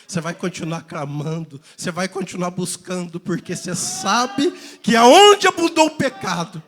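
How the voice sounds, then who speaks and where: A male pastor from Brazil preaching a sermon in a repetitive cadence, swinging between shouted climaxes and hushed asides. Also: a little high. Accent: Brazilian Portuguese. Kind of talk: Pentecostal sermon.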